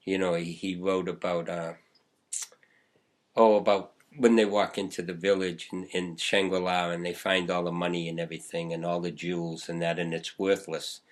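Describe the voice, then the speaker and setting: An older man talks in a fairly low voice. He rambles through his memories in an easy, conversational way, often chuckling. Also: little pitch movement, normal speed. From Boston, USA. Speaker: guest poet. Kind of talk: casual interview chat.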